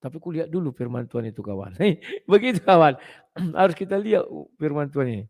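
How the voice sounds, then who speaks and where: A man giving blunt, casual preaching talk to his viewers, clearing his throat often. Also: on the high side, animated, quick pace, a little mellow.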